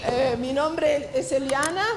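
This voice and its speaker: A woman from southern Italy in her fifties, speaking with an Italian accent to a church meeting in an unhurried, chatty way, pausing often to find words. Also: sits high, a little hiss or hum. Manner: warm, chatty, many hesitations and restarts. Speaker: Bible college director speaking at a church women's meeting. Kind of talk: testimony talk to a church audience. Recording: echoey hall with faint ambience.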